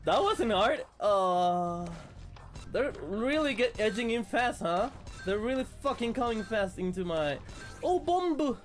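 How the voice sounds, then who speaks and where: A sick man streaming a video game, excitable and swearing as he plays. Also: high-pitched, measured pace, faint music behind. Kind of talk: casual gameplay commentary.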